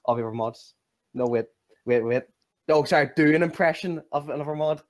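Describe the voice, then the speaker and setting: A man's voice: on the high side, a little fast. A man co-hosting a casual online chat, teasing and joking with the guest.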